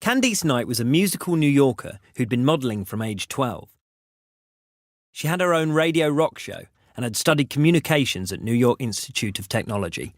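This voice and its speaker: A man narrating a music documentary in a measured, dramatic delivery. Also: mid-range voice, big pitch swings, dry recording, clean studio sound. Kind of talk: scripted narration.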